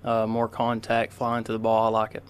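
A teenage boy, a high school football player answering interview questions politely, with lots of ums and uhs. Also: monotone, normal speed, clean tone. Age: teens. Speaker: high school quarterback guest. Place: radio studio.

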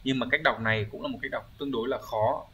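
A man's voice: medium pitch, steady tone, quick pace, sharp tone, highs cut off, a little hiss or hum. A male language teacher going through exam vocabulary questions, explaining readings step by step and often checking with his students. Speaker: Japanese teacher. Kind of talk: exam review lesson.

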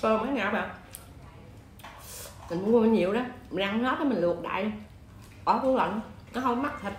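A woman's voice: medium pitch, moderate pace. A woman, chatting casually in an eating vlog while chewing shrimp. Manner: chatty, talks between bites. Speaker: mukbang vlogger. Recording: echoey room with clear background noise.

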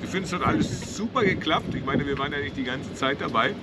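A man's voice: a little high, animated, fast talker. A man in his sixties hosting a sailing vlog, chatting cheerfully and joking, outdoors on a boat deck, recorded on an action camera. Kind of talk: casual chat. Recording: wind and boat noise.

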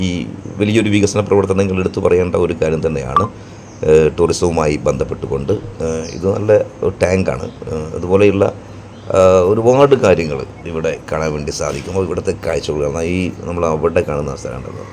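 A man with a Kerala Malayali accent narrating a casual travel vlog in halting, repetitive phrases. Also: sits low, a little mellow. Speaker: vlogger and narrator. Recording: clear background noise, outdoor ambience.

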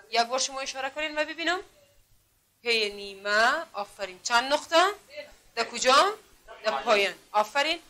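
A woman's voice: a little high, pushed and bright. A woman from Afghanistan teaching adults to read in a classroom, patiently drilling them with repeated questions. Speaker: literacy teacher.

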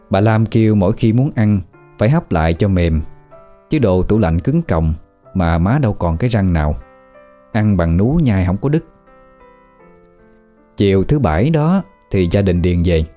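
A man narrating a ghost story in an unhurried, folksy way. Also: sits low, dark tone. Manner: unhurried, conversational folksy telling.

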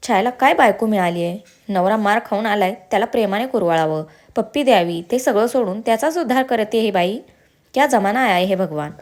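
A woman's voice: mid-range voice, lively intonation, fairly quick, lightly acted. A woman voicing a teasing, affectionate young man who plays the dramatic elder brother in a storybook reading. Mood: mock-dramatic.

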